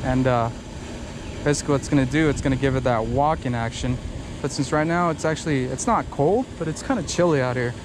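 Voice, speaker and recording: A young man, chatting casually and excitedly while fishing from rocks at a park pond, rambling through explanations with lots of fillers. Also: medium pitch, brisk, background noise. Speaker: fishing vlogger. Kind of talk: casual outdoor fishing vlog. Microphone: head-mounted action camera.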